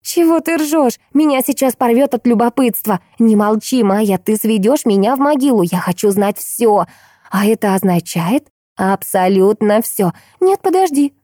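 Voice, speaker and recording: A woman voicing an excitable, chatty teenage girl who squeals and fires off questions. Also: fairly high pitch, no echo, studio quality, voice pushed up. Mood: excited. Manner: squealing, rapid-fire questions. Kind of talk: audiobook character voice.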